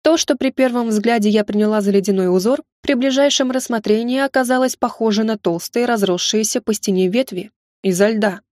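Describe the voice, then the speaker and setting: A woman narrating a first-person fantasy novel in a wry, lively storytelling manner. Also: on the high side, fairly quick, dry recording, studio quality. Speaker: audiobook narrator.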